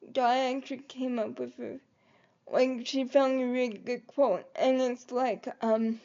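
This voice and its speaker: A woman's voice: sits high, dark tone, lo-fi sound. A woman vlogger talking to her viewers in a rambling, hesitant way, with many fillers and restarts. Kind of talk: reflective personal vlog.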